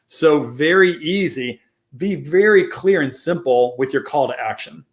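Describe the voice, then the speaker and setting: A man with a fairly high speaking voice explains marketing ideas in a loose, conversational way. He circles back, repeats phrases and restarts sentences as he talks. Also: lively intonation, measured pace. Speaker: co-host, marketing consultant. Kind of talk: casual podcast chat.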